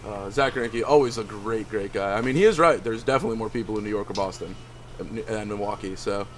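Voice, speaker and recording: Fast-talking young man hosting a podcast. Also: fairly low pitch, a little hiss or hum. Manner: upbeat, runs the segments, repeats words. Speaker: podcast host. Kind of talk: casual sports podcast chat.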